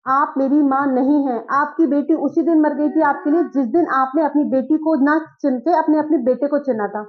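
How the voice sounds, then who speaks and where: A woman's voice: sits high, normal speed, close to an everyday voice. A woman doing a cold, curt grown daughter. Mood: resentful. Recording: dull lo-fi recording.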